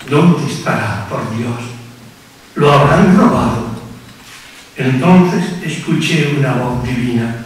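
An older man with an accent from Spain solemnly recites a poetic religious proclamation, declaiming in measured phrases with dramatic pauses. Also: medium pitch, a little hiss or hum. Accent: Spanish from Spain. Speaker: festival proclamation speaker (pregonero). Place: on stage in a large theatre. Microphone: podium microphone, recorded from far off. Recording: distant, echoing theatre hall with long reverb.

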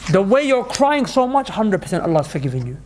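A man's voice: sits high, big pitch swings, brisk, a little mellow, slight background noise. A man voicing a worried mother who pleads with and soothes her crying son. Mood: pleading.

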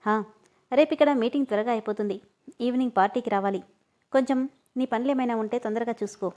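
A woman reading the part of a calm, matter-of-fact male boss in a storybook. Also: fairly high pitch, fast talker, lightly acted.

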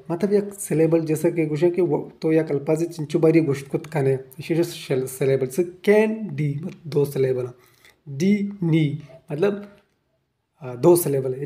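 A man's voice: on the high side, dark tone. A man with a Balochi accent giving a spoken English grammar lecture, explaining step by step and often checking that students have understood.

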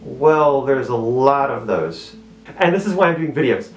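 A man's voice: medium pitch, lively intonation, a little slow, roomy sound, soft background music. Man muffled inside a mask head. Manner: laid-back, chatty, self-deprecating. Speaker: vlogger answering viewer questions. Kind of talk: casual Q&A vlog.

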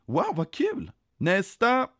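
A man's voice: high-pitched, huge pitch swings, darkish tone, dry recording, studio quality, voice pushed up, full character voice. A man voicing a cheerful, welcoming Jesus in a children's story, speaking eagerly and invitingly.

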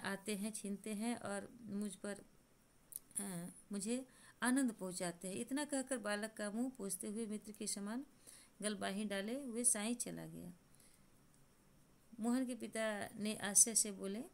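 A young woman teacher retelling a story for a class and explaining it line by line, with fillers as she thinks. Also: medium pitch. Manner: retells and paraphrases lines, with many fillers. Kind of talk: explaining a Hindi lesson story.

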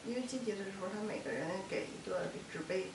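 A woman being interviewed who recounts an ordeal, speaking haltingly and often repeating words. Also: mid-range voice. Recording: echoey room, mic far off, noisy.

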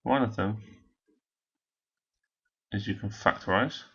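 A low, gravelly man teaches a maths problem step by step, his voice hoarse and husky. He talks while working things out on a calculator. The recording sounds dull and lo-fi. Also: takes it slowly, a bit bright. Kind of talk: recorded maths lesson walkthrough.

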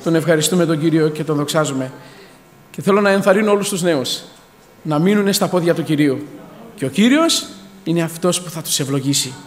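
Man, 30s, high voice, fervent church testimony, reverberant hall. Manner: fervent, punctuated with hallelujahs and addresses to the brethren. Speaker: church member giving testimony.

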